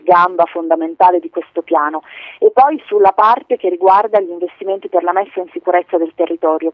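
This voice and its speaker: A woman heard over a phone line, answering interview questions as a politician guest in a measured way, with frequent hesitations and filler phrases. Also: mid-range voice, dry recording. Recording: tinny dry phone line.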